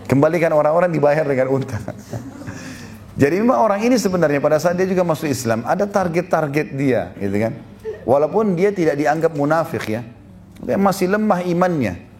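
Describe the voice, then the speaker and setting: A man's voice: a little high, fairly quick, a little hiss or hum. A male preacher giving a storytelling sermon, acting out the people in his story and chuckling now and then. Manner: lively storyteller who voices quoted speakers, chuckles.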